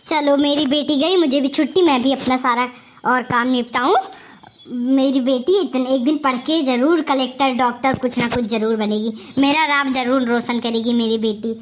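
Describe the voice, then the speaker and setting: Cartoon comedy: a woman plays a fussy, gullible mom who spoils her own daughter, fairly high voice, Awadhi-tinged Hindi. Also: steady tone, normal speed, a little hiss or hum, close to an everyday voice. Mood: worried. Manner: fussy and nagging, keeps asking "theek hai?". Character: doting, gullible middle-aged mother with favoritism.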